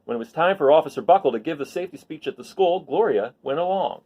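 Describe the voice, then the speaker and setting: A male storyteller reads a children's picture book aloud with lots of expression, stopping for asides and questions to his listeners. His voice is fairly high, animated and a little mellow.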